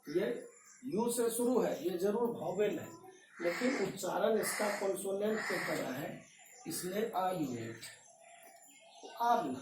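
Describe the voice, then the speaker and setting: A man's voice: high-pitched, darkish tone, a little hiss or hum. A man teaching an English grammar lesson at a board, explaining patiently and repeating himself with rhetorical questions to his students. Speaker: English tutor. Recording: roomy echo, voice from a distance.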